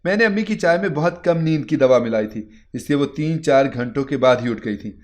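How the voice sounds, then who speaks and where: A man reading a first-person moral story in a steady, earnest narration. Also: medium pitch.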